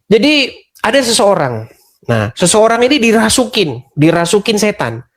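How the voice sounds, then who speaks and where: Measured skeptical man. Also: sits high, big pitch swings. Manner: measured, skeptical, repeats himself for emphasis. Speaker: host. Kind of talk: conversational interview.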